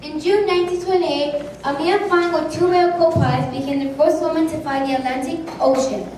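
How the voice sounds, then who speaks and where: A high female voice reads scripted narration for a stage history play. It comes from far off in a very reverberant room, with faint noise. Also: fairly even intonation, brisk. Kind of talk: scripted narration, read aloud. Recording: very echoey hall, distant mic, faint noise.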